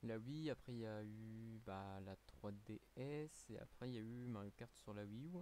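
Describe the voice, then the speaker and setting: Tired French streamer chatting casually. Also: male voice, fairly low pitch, normal speed, warm tone, slight background noise. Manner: rambling, many fillers and restarts. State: a little tired. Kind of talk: casual live-stream chat.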